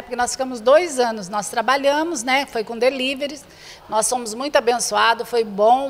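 Speaking into a handheld reporter's microphone held in front of her, an older Brazilian association president appears as an interview guest inviting people to a charity event. Earnest and fairly high-voiced, she repeats herself while addressing viewers directly, in a bare-walled room with noticeable reverb.

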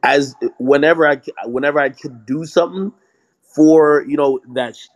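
A man's voice: medium pitch, darkish tone. Rambling young man in casual chat. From Jamaica. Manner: rambling, many restarts and "you know what I mean". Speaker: hip hop media personality. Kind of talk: casual audio chat room conversation.

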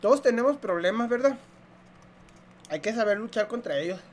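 A young man with a Mexican accent tries food on camera, chatting casually between bites. His talk is jokey, full of slang and swearing, with small chewing hums in the pauses. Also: sits high, expressive, a little hiss or hum. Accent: Mexican Spanish. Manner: joking, slangy and profane, chews between lines. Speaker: food reviewer. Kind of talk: casual eating review vlog.

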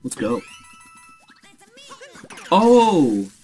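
Excitable young man commenting on gameplay. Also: high voice, breathy edge, faint music behind. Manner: excitable, quick reactions. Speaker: let's play host.

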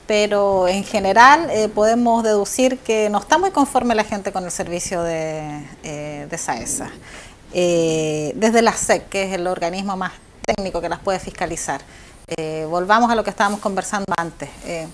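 Brief: female TV interviewer, inquisitive, mid pitch, light hiss behind. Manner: inquisitive, with hesitant fillers. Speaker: interviewer host. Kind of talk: TV interview questions.

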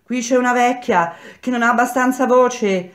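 A woman voicing a desperate young wife loudly calling up to the prison bars. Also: on the high side, normal speed, pitched above the performer's own voice, close to an everyday voice. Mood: desperate shouting. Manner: loud calling, straining.

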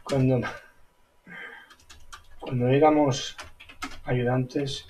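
A man giving casual gameplay commentary, excitable, repeating exclamations and squealing high when amazed. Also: extremely slow, slight background noise. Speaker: gaming YouTuber.

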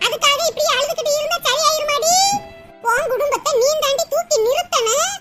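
A woman's voice: very high-pitched, brisk. A woman voicing an older village mother in a cartoon who lectures and scolds her daughter at length. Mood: lecturing. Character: chatty older village mother giving advice. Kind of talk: cartoon voice acting. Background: music.

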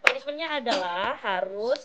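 A woman's voice: a little high, animated, normal speed, a crowd in the background. A woman casually hosting a game as the off-camera presenter, heard in slightly dull sound. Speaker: off-camera host. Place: indoor studio, off camera.

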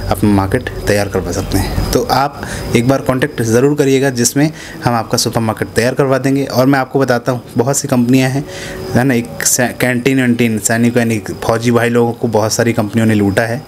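A man in his thirties giving a casual pitch to camera about setting up supermarkets, chatty and full of tag questions, in a small office. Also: fairly even intonation, fairly quick, darkish tone, a little hiss or hum. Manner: conversational, repeats "है ना" and "ठीक है" tags. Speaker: business consultant pitching supermarket setup. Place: small indoor office room. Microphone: handheld clip mic held near chin.

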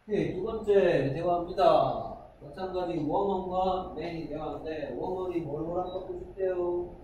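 A male English teacher, giving a classroom lecture and drilling English phrases slowly. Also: high voice, dull audio, a little hiss or hum. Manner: drills phrases slowly, acts out loud quarrels with students.

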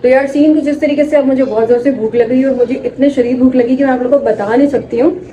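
A woman's voice: high voice, steady tone, fast talker, mellow, slight background noise, low-quality recording. Young woman vlogger chatting to her phone. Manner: chatty, talks straight to camera. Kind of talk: casual home vlog. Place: home rooms and kitchen, indoors. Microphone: phone camera at arm's length.

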